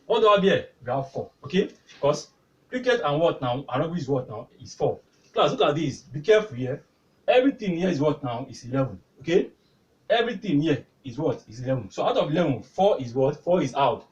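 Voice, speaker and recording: In this whiteboard maths tutorial, a man walks through the steps and repeatedly asks the class "what now?" to draw out answers. His voice is a little high and darkish, with big pitch swings and a slightly fast pace, captured far from the mic with dull audio.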